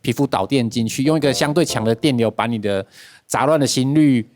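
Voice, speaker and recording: A man, a doctor, calmly explaining medical treatment as a guest on a TV talk show. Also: medium pitch, brisk.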